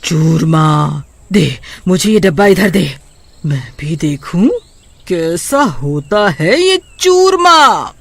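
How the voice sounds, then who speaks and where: A woman voicing a rich, hungry female witch in a cartoon, drawn-out and sing-song. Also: fairly low pitch, sing-song, no echo, heavily acted. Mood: suspicious. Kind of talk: cartoon voice acting.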